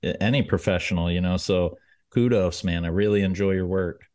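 Low-voiced male podcast co-host. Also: brisk. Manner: relaxed, encouraging interviewer. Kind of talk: casual podcast chat.

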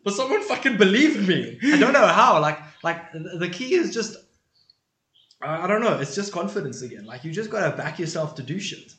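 A man's voice: sits high, big pitch swings, moderate pace, a bit bright. A young man with a South African accent chatting on a podcast, rambling, joking and swearing freely. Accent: South African English. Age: young adult. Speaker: podcast guest. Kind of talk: casual podcast chat. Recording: roomy echo.

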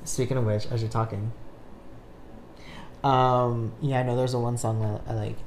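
Podcast host, medium pitch, loose hesitant chatter with lots of restarts. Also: little pitch movement, normal speed, a little mellow, slight background noise. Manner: hesitant, with frequent restarts and asides. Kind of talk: casual chat.

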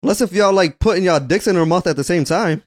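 A man's voice: high-pitched, fast, dry recording, clean studio sound. A young man chatting casually with friends in slangy, profane language. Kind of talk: casual chat among friends.

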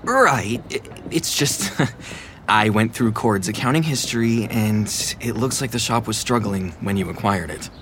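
A practical adviser in an audio drama. He is gently blunt, and his mid-pitched voice moves lively up and down. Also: a little slow, slight background noise.

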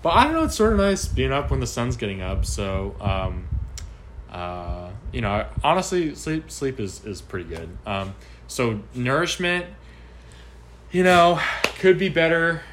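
A man's voice: medium pitch, big pitch swings, unhurried, fairly bright tone, slight background noise. A man in his twenties answering interview questions at home, hesitant, with many ums and restarts. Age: 20s. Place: home apartment.

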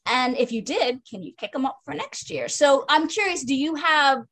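A woman's voice: high-pitched, animated, moderate pace, fairly bright tone. Chatty woman with a Maine accent. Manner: chatty, frequent agreeing fillers. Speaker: podcast host, author. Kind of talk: casual chat.

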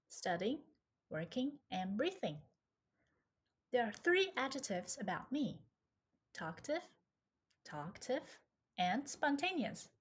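A young woman speaks in a fairly high voice with a Taiwanese accent. She is a native Mandarin speaker from Taiwan. Her delivery is a scripted channel introduction with a playful, tongue-in-cheek manner. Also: husky. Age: young adult. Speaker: channel host.

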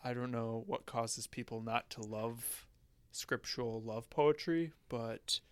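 A man's voice: mid-range voice, takes it slowly, smooth. A man in casual podcast chat, talking in a wry, rambling way and laughing often. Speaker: podcast co-host.

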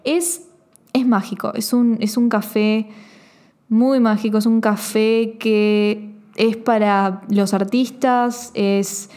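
A woman's voice: on the high side, steady tone, takes it slowly, darkish tone. A young woman with a Rioplatense Spanish accent giving chatty, gushing travel recommendations and repeating her phrases. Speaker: travel vlogger.

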